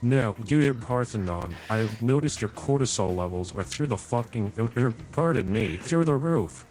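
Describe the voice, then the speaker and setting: A man's voice: mid-range voice, animated, normal speed, darkish tone, faint music behind. A man voicing a prim, overly polite male AI companion in a tabletop game, his voice run through a morphing voice changer, talking formally with a few slips. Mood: prim, courteous. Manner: formal, courteous, stiff phrasing with slips.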